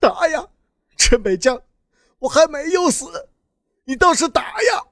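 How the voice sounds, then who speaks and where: A man's voice: very high voice, lively intonation, a little slow, no echo, clean studio sound, pitched above the performer's own voice, heavily acted. A male narrator voicing a battered man who urgently pleads to be beaten. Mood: desperate. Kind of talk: audiobook narration.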